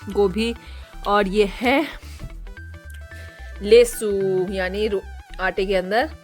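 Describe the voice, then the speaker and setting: A young woman vlogging about her household chores in a casual, chatty way, her voice hoarse from a cold, with faint music behind her. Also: medium pitch, drawn-out words. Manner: chatty, running commentary on chores. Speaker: family vlogger. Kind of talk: casual home vlog narration.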